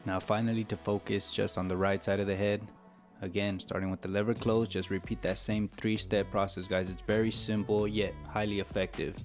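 Over guitar background music, an American barber narrates a tutorial, talking through it casually one step at a time. His voice is fairly low and quick, with little movement in pitch.

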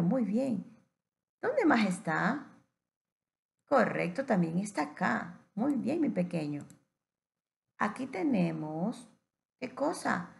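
A woman teacher giving a patient phonics lesson to young children, stretching words out slowly. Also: mid-range voice, gravelly.

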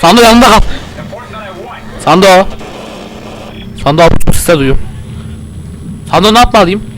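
Lively, high-voiced joking young gamer man. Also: moderate pace, low-quality recording. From Turkey. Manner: joking, talks to objects and game characters. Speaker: gaming channel host. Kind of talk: playful gameplay commentary. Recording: clear game noise behind.

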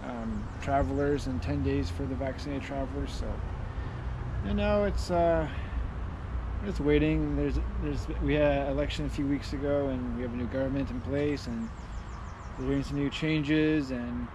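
A man in his thirties chatting casually in an outdoor vlog, relaxed and rambling with lots of fillers, filmed at arm's length in a backyard. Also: medium pitch, normal speed. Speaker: vlogger, hotel worker. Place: backyard patio outdoors, roosters crowing. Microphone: camera at arm's length. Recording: outdoor recording with loud rooster noise.

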